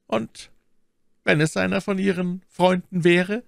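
A man's voice: sits high, steady tone, unhurried, creaky, dry recording, clean studio sound, voice pushed up, full character voice. A man reading an audiobook, voicing a cunning, vengeful noblewoman in a raised, coaxing voice. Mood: urgent. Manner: coaxing, imperious. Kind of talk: audiobook character voice.

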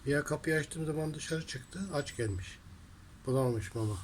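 A man's voice: normal speed, slight background noise. A man at home talking affectionately to his cats in playful baby talk, now and then speaking indignantly about people who harm animals. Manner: affectionate baby talk to cats, rising to high teasing tones. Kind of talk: casual talk to pets and viewers. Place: home workshop with cats around.

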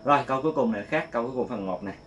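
Male guitar teacher, mid pitch, casual and chatty, loud guitar underneath. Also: animated, creaky. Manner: sings note names slowly between quick explanations. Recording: loud guitar playing along.

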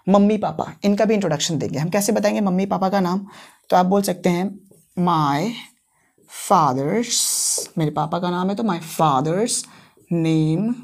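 A patient male teacher gives a classroom lesson at a whiteboard. He explains in one language and then says the example phrases in another. He repeats each phrase slowly, many times over. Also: high voice, vocal fry, a little mellow. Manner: switches between Hindi explanation and English example phrases. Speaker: English teacher.

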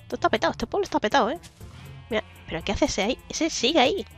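A young woman from chatters her way through a gameplay session in a slightly high voice, giggling and humming little tunes to herself. Her throat sounds a touch sore. Game music plays faintly underneath. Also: lively intonation, racing. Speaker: gaming YouTuber. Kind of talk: casual gameplay commentary.

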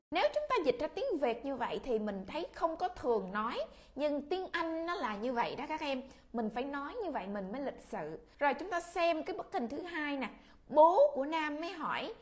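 A woman with a Vietnamese accent teaching a children's English lesson, patiently repeating words for her pupils to read along. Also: high-pitched.

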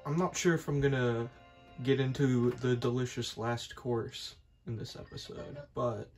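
A laid-back man commentating his gameplay in a slow, unhurried way, hesitating often and swearing when it gets tense. His pitch sits in the middle, with faint music behind. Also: fairly even intonation, a little mellow. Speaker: gaming streamer.

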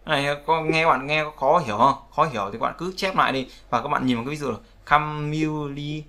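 Male language teacher with a gravelly, bright voice, explaining patiently and repeating examples. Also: a little high, quick pace. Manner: repetitive, conversational, checks with "đúng không?". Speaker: English pronunciation teacher. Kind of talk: explaining word stress in a lesson.

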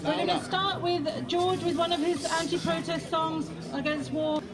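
Woman, rally MC outdoors; very high voice, loud crowd and music behind. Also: steady tone, moderate pace. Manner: welcoming, announcer-like. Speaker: rally organizer. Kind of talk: announcing at a rally. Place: outdoor square.

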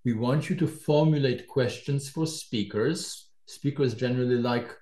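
An older man from Poland, a professor giving a measured university lecture introduction with dry asides, in a large lecture hall. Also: mid-range voice, warm tone. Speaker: professor co-leading a lecture series.

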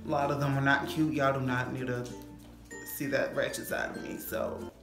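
A young adult woman vlogging casually to camera in a sassy, slangy, expressive way, recorded in an echoey room. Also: rumbling low, moderate pace. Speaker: YouTube vlogger. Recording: echoey room, faint music behind.

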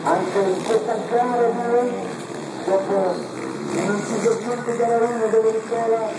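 Male trackside commentator, short repeated calls, echoey sound buried in loud vehicle noise. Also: extremely high pitch, steady tone, slow pace, far from the mic. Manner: repeats names and short phrases. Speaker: motocross race commentator. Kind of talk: live sports commentary.

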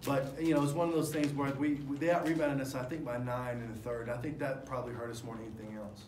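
This head basketball coach, a man in his forties, talks fast with a flat delivery and a mid-range, slightly mellow voice. Seated at table microphones in a press room with a sponsor backdrop, he rambles candidly after the game, full of fillers and restarts. The recording is echoey, with faint noise.

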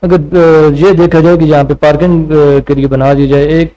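A man's voice: on the high side, steady tone, moderate pace, mellow, rough recording. A male panel guest with a Punjabi Urdu accent, explaining proposals point by point with many hesitations. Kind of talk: studio panel discussion. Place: TV studio set. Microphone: table mic.

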